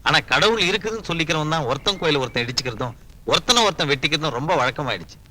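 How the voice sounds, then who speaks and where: An actor playing an earnest atheist companion who explains the human world and pleads on the god's behalf. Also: male voice, a little high, expressive, rapid-fire, bright, forceful tone, exaggerated voice. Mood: explaining. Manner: explaining, pleading, dry remarks.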